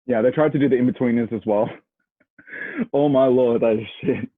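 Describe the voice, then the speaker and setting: A young Australian man co-hosts a podcast, bantering bluntly, swearing freely and offering plenty of opinions. His mid-range voice moves a little fast. The dry recording has a muffled, phone-like radio quality.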